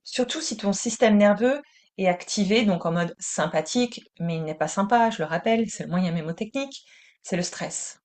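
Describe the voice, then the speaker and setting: A woman with a French accent teaching breathing and meditation in a calm, soothing manner. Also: mid-range voice. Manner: slow, calm, soothing delivery.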